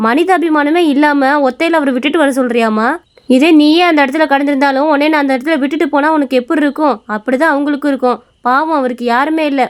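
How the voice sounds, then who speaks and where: A woman voicing a kind, caring young village woman in a cartoon story, who talks earnestly and gently. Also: high voice, close to an everyday voice. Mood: defiant.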